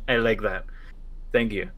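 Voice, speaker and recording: Relaxed young man hosting a Q&A. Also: fairly low pitch, highs cut off, background noise. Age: 20s. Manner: relaxed, jokey, thanks each caller. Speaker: Q&A host. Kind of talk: casual online Q&A.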